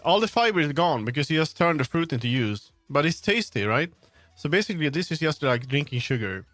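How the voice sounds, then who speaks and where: Very animated and fairly quick, a game developer streams in a slightly high, fairly bright voice on a dry recording. He rambles as he works, thinking out loud and often trailing off mid-sentence, with background music behind him.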